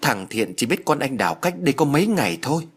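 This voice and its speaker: A blunt young countryman in an audio story talks without tact, voiced by a man. His voice is husky, slightly raised. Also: mid-range voice, very animated, fast talker, pitched above the performer's own voice. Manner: blunt, tactless.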